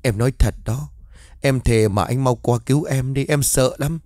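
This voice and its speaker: A man's voice: medium pitch, normal speed, a little mellow, no echo, voice pushed up, natural voice. A man voicing a frightened young mother who pleads and whimpers in fear, in a dry studio audiobook reading. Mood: terrified, pleading. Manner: whimpering, begging.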